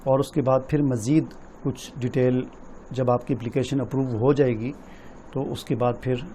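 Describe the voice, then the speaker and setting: Man explaining slowly, step by step. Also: mid-range voice, fairly even intonation, mellow, slight background noise. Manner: explains step by step, often adds "theek hai?". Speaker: tutorial presenter. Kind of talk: screen-recorded walkthrough.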